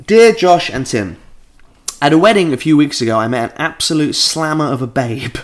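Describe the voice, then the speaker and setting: A man's voice: fairly high pitch, animated, moderate pace. A man riffing loosely as a comedy podcast co-host. He rambles, restarts and slips into mock voices as he reads listener letters aloud. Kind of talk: casual comedic chat, reading listener letters.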